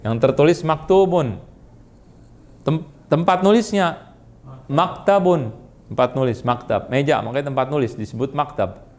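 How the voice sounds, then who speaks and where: Man teaching, quizzing his class. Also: a little high. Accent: Indonesian. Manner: quizzing students with quick questions. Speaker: Arabic teacher. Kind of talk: classroom lesson.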